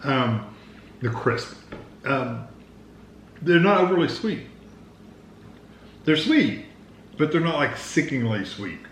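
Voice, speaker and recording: A man's voice: mid-range voice, sing-song, slow pace, long pauses. A man with a mid-range voice gives his impressions in a casual taste test. He talks like a food reviewer in conversation. The sound is roomy, with some background noise.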